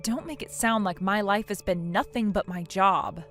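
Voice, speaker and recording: Younger sister, weary and unimpressed, medium-pitched, curt and guarded played by a woman, scripted story drama. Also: moderate pace, a bit bright, soft background music, lightly acted. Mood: sarcastic. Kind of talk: scripted audio story dialogue.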